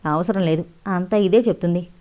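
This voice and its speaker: A woman's voice: fairly low pitch, a little fast, mellow, close to an everyday voice. A woman voicing a bold young woman who speaks with sarcastic defiance, in an audio novel. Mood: defiant. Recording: dull lo-fi audio.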